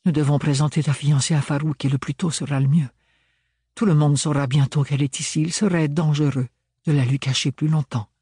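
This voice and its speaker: A man's voice: fairly high pitch, steady tone, fairly quick, mellow, breathy edge, no echo, clean studio sound, pitched above the performer's own voice. A man voicing an elegant, persuasive noblewoman in an audiobook, coaxing and insistent.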